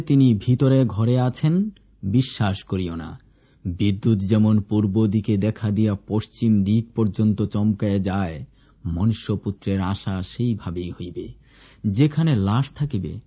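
A man reading scripture aloud in a measured, formal recitation. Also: lowish voice, mellow, breathy edge. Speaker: scripture reader. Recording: dull lo-fi recording.

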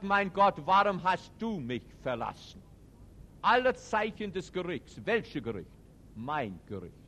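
A man preaching a sermon to a live audience. He speaks emphatically, with non-native German grammar, and moves between loud outbursts and quiet reflection. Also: mid-range voice, slight background noise. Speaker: preacher and teacher.

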